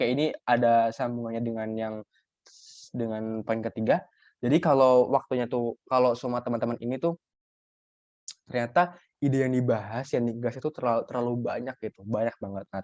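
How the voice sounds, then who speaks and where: A man's voice: medium pitch, darkish tone, no echo. Man tutoring in dull lo-fi audio. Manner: chatty, many fillers and restarts, addresses listeners as friends. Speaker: workshop tutor. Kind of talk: casual teaching talk.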